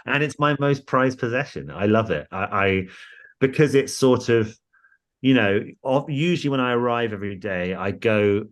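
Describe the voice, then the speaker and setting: A man's voice: mid-range voice, lively intonation, moderate pace. A man with a posh English home counties accent, chatting in a rambling, self-deprecating, enthusiastic way as he tells stories in an interview. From England, home counties. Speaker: interview guest, football club staff. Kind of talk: casual conversational storytelling.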